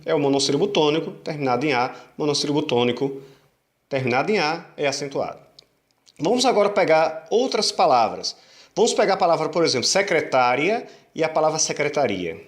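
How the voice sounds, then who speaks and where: Male teacher, slightly high voice, patient, repeats rules, drawn-out syllables. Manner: patient, repeats key rules and asks rhetorical questions; stretches syllables slowly to show stress. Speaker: Portuguese teacher. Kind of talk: online grammar lesson.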